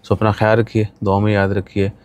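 Deep, flat-voiced man vlogging from his car. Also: a little fast. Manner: chatty, gestures with his hand. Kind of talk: casual talk to camera. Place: parked car. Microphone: phone on dashboard.

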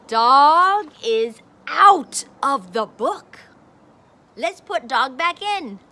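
Filmed on a phone held at arm's length, a teacher in her forties gives a child a slow read-aloud lesson from a picture book on an outdoor patio beside a brick wall. Her voice sits high, animated, pushed and bright, and her talk stays simple and encouraging.

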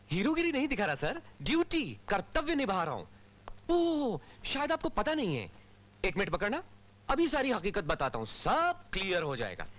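An actor dubbing a cocky young police officer who talks in a wry, theatrical way. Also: male voice, high voice, fairly bright tone. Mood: respectful. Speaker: hero in a dubbed film. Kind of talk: Hindi film dubbing.

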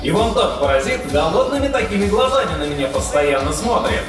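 A man's voice: sits high, big pitch swings, a little fast. A man playing a whiny, jealous, nervous anime has-been in a parody stage skit. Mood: envious, whiny. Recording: echoey hall, far off, loud music.

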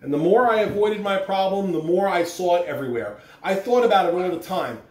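Morning announcements and a children's story come from a middle-aged man whose high, lively voice has a darkish tone and moves a little fast, expressive as a school announcer. Recorded indoors in a living room, roomy and far from the mic, with slight hiss or hum.

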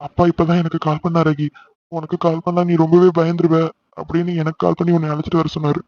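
A man voices a caring uncle figure in a homemade cartoon, firm and reassuring. He talks fast in a slightly raised voice. The recording is dry and somewhat dull. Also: a little high, completely flat delivery, a little mellow, no echo, natural voice. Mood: urgent. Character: Tamil elder brother and uncle, caring and steady. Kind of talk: amateur cartoon dubbing.

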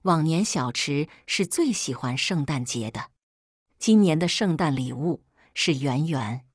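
A woman narrating a first-person story in a sorrowful, measured reading. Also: deep voice, darkish tone, no echo, clean studio sound.

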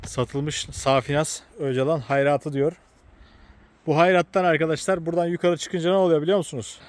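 A man's voice: fairly high pitch, fairly even intonation, brisk. Chatty man riding a motorcycle. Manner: chatty, joking, talks straight to viewers. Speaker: motovlogger. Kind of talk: casual running commentary while riding. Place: outdoors on a motorcycle on country roads.

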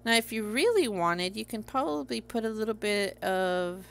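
Gluing a craft at her work table at home, this Puerto Rican crafting livestreamer, who has a Puerto Rican accent, rambles casually and frequently laughs at herself. Her mid-range voice is expressive and gravelly, at a moderate pace.

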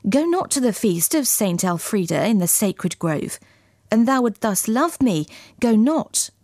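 A woman's voice: a little high, big pitch swings, unhurried, a little mellow, no room sound, studio quality, exaggerated voice. A woman reading a pleading young lover. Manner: earnest, imploring archaic speech. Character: young man, troubled lover, fearful and pleading.

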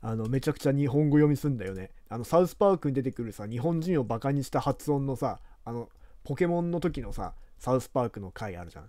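A man from Japan talking casually over a video game he plays, rambling and chatty in rough, informal speech. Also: medium pitch, dark tone, dry recording, studio quality. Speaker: game commentator. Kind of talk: casual let's-play commentary.

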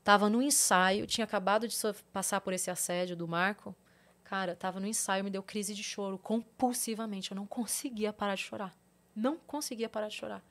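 Animated Brazilian woman telling her story. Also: mid-range voice, fairly quick. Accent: Brazilian Portuguese. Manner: animated storytelling, quotes others in changing voices. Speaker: podcast guest. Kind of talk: casual podcast interview.

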